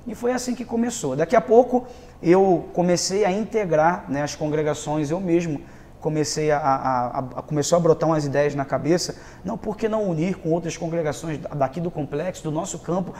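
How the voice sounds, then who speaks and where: A Brazilian pastor and youth leader in his thirties, with a Rio de Janeiro accent, gives earnest personal testimony as a guest in a conversational interview. He often checks in with tag questions and repeats words for emphasis, his voice fairly high, a little fast and dark in tone.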